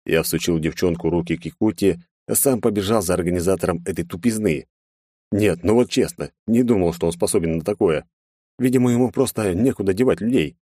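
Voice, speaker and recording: A male narrator reads a first-person action story in a deep, low voice. His asides come out terse and sardonic. The recording is dry and close to the mic. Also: a little fast, dark tone, no room sound. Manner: sardonic, terse inner commentary. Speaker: audiobook narrator.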